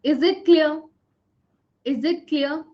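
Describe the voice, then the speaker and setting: Woman teacher, high voice, live online lecture, Hindi mixed with English, repeats points, muffled lo-fi audio. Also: extremely slow.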